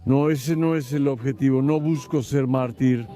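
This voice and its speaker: A man answers a street interviewer in a measured, hesitant way, pausing to search for his words. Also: medium pitch, steady tone, dark tone, faint music behind.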